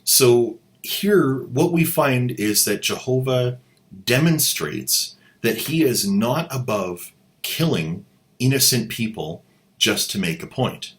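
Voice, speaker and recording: A man hosts a commentary video, mocking the drama clips he plays with sarcastic disbelief. His medium-pitched voice is animated, though he takes his time.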